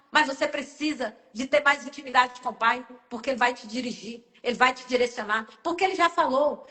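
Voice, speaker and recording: A woman's voice: sits high, bright, forceful tone, big-room sound. A woman minister preaching earnestly in short emphatic phrases during a live sermon.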